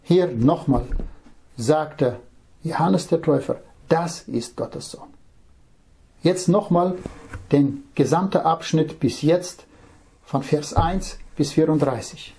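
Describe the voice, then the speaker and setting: A man with a somewhat high, husky voice preaches a Bible-teaching sermon. He reads scripture slowly, then explains it in an earnest tone, turning to the listener with direct questions. His timbre is mellow and warm rather than bright.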